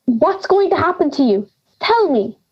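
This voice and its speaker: Playing a sharp-tongued, feisty granny of ninety who lives in the woods, a young woman in an audio drama scolds with sarcasm and urgency. Her high-pitched delivery is very animated at a normal pace, recorded in lo-fi.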